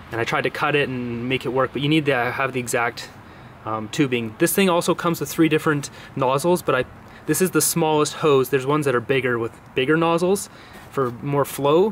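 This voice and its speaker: In a casual DIY vlog shot handheld at arm's length, a young adult man covers a home repair from his basement and an outdoor stairwell. His medium-pitched voice is a bit bright, and he fills the talk with restarts and filler words. A little hiss or hum sits under the audio.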